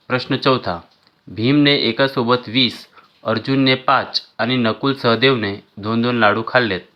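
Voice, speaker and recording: A man teaching, reading textbook exercise questions and their answers aloud in a measured, item-by-item way. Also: medium pitch, lo-fi sound. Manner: measured, listing answers one by one.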